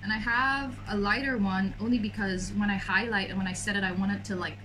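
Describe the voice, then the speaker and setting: A young woman with a raspy, lazy voice chatting casually through a makeup tutorial, full of fillers. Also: mid-range voice, steady tone, brisk, background noise. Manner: lazy, laid-back delivery full of fillers. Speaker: makeup vlogger.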